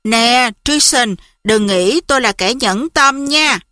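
A woman's voice: a little high, slow pace, pushed and bright, no room sound, studio quality. A woman voicing a fond woman school principal who coos over a dog. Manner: cooing, affectionate.

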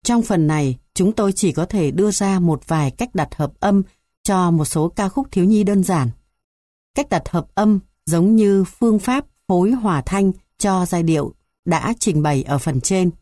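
A woman reading a music theory textbook aloud in an even, measured way, going through numbered points. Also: fairly low pitch, no echo, studio quality. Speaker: textbook reader.

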